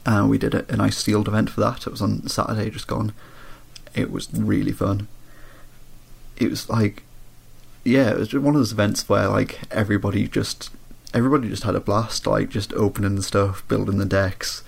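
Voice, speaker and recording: Croaky low-voiced man with a cold. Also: little pitch movement, moderate pace. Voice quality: croaky, congested voice. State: hoarse, croaky with a head cold. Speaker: podcast co-host. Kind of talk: casual chat. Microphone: remote internet voice call.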